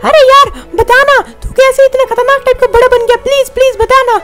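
A performer voicing a scared, whiny little male tiger cub who pleads in a squeaky voice. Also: level tone, a little fast, fairly bright tone, soft background music. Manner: pleading, whining.

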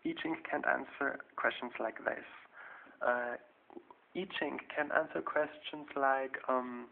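Halting man, slow gravelly tinny audio. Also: medium pitch, steady tone. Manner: halting, many fillers and restarts. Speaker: video tutorial maker. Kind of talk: casual explanatory how-to. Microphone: handheld camera mic. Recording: tinny lo-fi camera audio, faint hiss.

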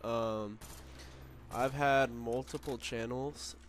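Slow and steady in tone, a young man with a mid-range voice talks over game footage, his nasal sound betraying a cold. As a gaming commentator, he rambles casually with plenty of swearing and filler words, and gunfire from the game fills the noisy background.

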